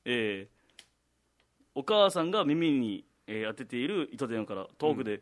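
A man's voice: medium pitch, sing-song, measured pace. A man hosting a casual chat, reading out comic panels and chuckling along. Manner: reads comic strip panels aloud, chuckling. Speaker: host.

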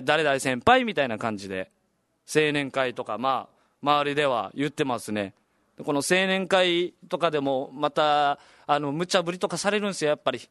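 A young Okinawan man with a high, bouncy voice that swings all over its range, talking as a comedian and radio host. He tells his stories in a casual, chatty way, animated and laughing along. The sound is close and dry. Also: dry recording. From Okinawa, Japan. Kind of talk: casual storytelling chat.

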